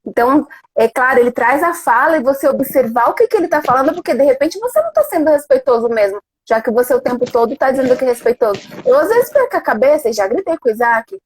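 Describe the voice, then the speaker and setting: A woman hosts a relaxed chat in a high, husky voice. She tells stories with animation and a conversational flow. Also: quick pace, few pauses, low-quality recording. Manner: animated, storytelling, acts out quotes. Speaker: host. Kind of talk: casual conversation.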